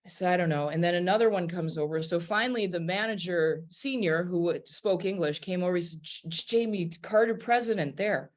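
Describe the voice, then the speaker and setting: A woman from Wisconsin, a jazz singer and pianist, telling a lively story in an interview and acting out the quotes. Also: fairly low pitch, a little fast, few pauses. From Wisconsin, USA. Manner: lively anecdotal, acts out quotes.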